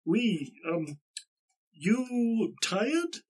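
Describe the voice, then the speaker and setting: A man voicing an elderly village man who speaks in halting, broken phrases and repeats his words. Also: sits high, big pitch swings, slightly rough, voice pushed up, full character voice. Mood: welcoming.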